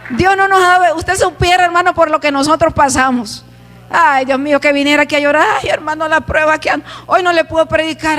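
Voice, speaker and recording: Middle-aged woman preacher with a high voice, exhorting and shouting, recorded with long hall reverb. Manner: exhorting, calls out to listeners, bursts into shouts. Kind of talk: fervent Pentecostal-style sermon. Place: church sanctuary.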